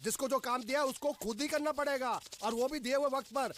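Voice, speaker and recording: A blustering house manager. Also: male voice, very high-pitched, fairly quick, a bit bright, slight background noise. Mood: pompous. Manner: blustering, threatening. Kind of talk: film comedy acting.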